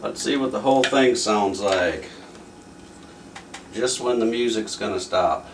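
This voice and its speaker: The host of a repair video, a man with a lowish voice, demonstrates a hands-on fix in a plain-spoken, folksy, casual way at a slightly slow pace. The mic is distant, with background noise and music playing.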